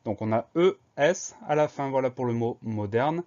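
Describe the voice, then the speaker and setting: A man teaching a spelling lesson, explaining each word calmly and spelling it out letter by letter. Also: medium pitch, moderate pace. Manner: patient, methodical, spells out letter by letter. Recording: slightly dull lo-fi recording.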